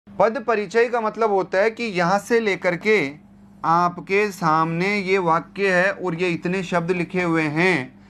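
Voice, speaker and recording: A man's voice: high voice, a bit bright. A man teaching Hindi grammar in an exam-prep lecture, repeating key terms and asking rhetorical questions. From India.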